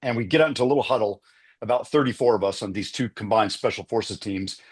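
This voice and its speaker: A man's voice: on the low side, fast, breathy edge. Man rambling through a training story. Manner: rambling, with many uhs and restarts. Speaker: panelist, retired army officer. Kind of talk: personal storytelling on a panel. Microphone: video call.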